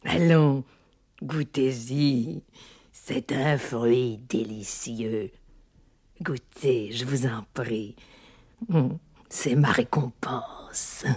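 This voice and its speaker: An actress voicing a wicked queen disguised as an old witch, sly and wheedling, in a storybook recording with soft music behind. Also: a bass voice, fairly even intonation, extremely slow, heavily acted. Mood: coaxing. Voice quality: creaky, husky old crone voice.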